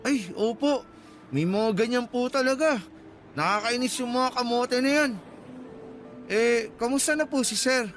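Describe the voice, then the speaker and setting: A man's voice: very high-pitched, a little slow, pauses often, a bit bright, faint music behind. A man playing a courteous, reassuring young motorcycle taxi rider in a radio drama. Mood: sympathetic. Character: polite, careful, friendly young male motorcycle taxi rider.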